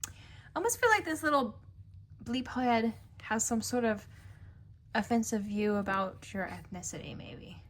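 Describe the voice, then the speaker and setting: Recorded on a camera mic, a tarot reader chats her way through a relaxed reading, thinking aloud and filling gaps with many fillers. She has a fairly high, expressive voice and keeps a measured pace.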